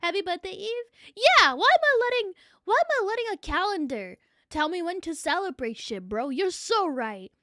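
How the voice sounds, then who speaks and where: A woman's voice: very high-pitched, sing-song, normal speed, few pauses, pushed and bright, no room sound, clean studio sound. A young adult woman streaming as a VTuber, chatting playfully with her viewers and swearing casually. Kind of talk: casual livestream chat.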